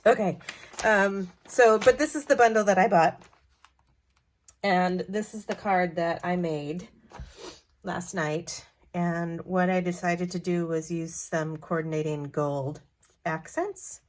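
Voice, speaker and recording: A woman's voice: on the low side, steady tone, takes it slowly, a little hiss or hum. A woman hosting a card-making tutorial, talking in a chatty, friendly way with fillers and self-corrections. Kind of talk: casual craft tutorial.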